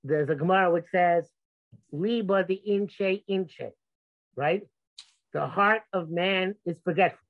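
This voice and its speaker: A man's voice: sits high, unhurried. Insistent man, phone-like sound. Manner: insistent, argumentative, stammering restarts. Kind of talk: religious debate, conversational. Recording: muffled, narrow phone-like sound.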